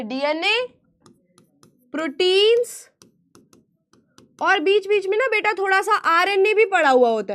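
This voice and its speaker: A woman teacher giving an online class lecture, animated and repeating key terms back to her students as questions. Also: very high-pitched.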